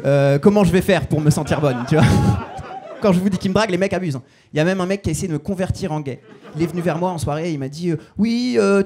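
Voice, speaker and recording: A man's voice: fairly high pitch, a little mellow. A man in his twenties performing a self-mocking stand-up set on stage, in a casual slangy way. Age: 20s. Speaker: stand-up comedian. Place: stage before a live audience.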